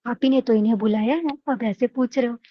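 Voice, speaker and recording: A woman's voice: a little high, fairly quick, no room sound, lo-fi sound, lightly acted. A woman voicing startled neighbours who exasperatedly scold an old priest.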